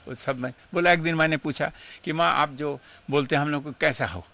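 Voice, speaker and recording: An older man tells stories about his guru in an interview, earnest and emotional. His voice sits a little high and sounds bright and forceful. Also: fairly even intonation, a little fast, no room sound. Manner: emotional, earnest storytelling, mixing in English phrases. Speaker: swami recalling his guru. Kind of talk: reminiscing interview.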